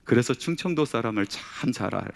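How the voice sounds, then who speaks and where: Middle-aged male preacher, storytelling sermon delivery that swells loud and high on key points. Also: expressive, fast, vocal fry. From South Korea, Chungcheong region. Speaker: pastor. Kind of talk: Sunday sermon.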